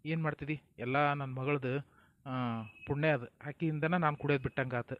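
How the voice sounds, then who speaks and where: A man's voice: fairly high pitch, steady tone, normal speed, no echo, lo-fi sound. A man with a North Karnataka accent acting in a family comedy skit, folksy and coaxing, sometimes stern. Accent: North Karnataka Kannada.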